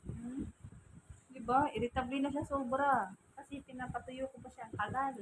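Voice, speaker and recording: Filipino lady cooing baby talk at her cat, high voice, bit of noise in the room. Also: steady tone, moderate pace. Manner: cooing, teasing baby talk mixing English and Tagalog. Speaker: pet owner vlogger. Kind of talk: casual chat to her cat while drying it. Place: home, by a fan.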